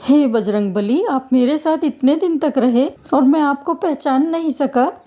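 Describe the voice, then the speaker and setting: A humble old priest, as a woman storyteller plays him, soft and reverent, a bit lower than her own voice. Warm, mellow tone. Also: unhurried. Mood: awed.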